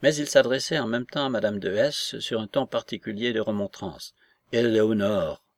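An audiobook narrator, a man with a medium-pitched voice, reads a novel aloud in scripted literary narration that stays even and measured. The recording is dry, with clean studio sound.

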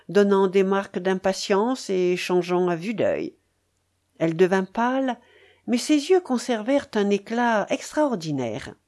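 A woman reading a novel aloud in a measured, mournful way. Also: medium pitch, mellow. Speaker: reader. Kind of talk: literary audiobook narration.

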